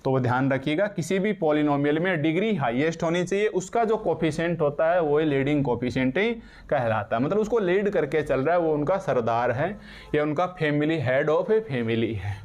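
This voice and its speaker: Man lecturing slowly on maths. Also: a little high, expressive, darkish tone. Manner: explains in Hindi with English terms, slow dictation, asks students questions. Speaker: maths teacher. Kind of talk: classroom lecture.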